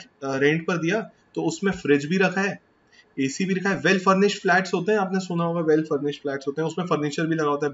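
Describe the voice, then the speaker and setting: A man with an Indian accent gives a classroom lecture on tax, his voice sitting a little high for a man. He switches freely between Hindi and English and keeps putting questions to the class before answering them himself. The recording is slightly dull, with faint noise underneath. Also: a bit bright.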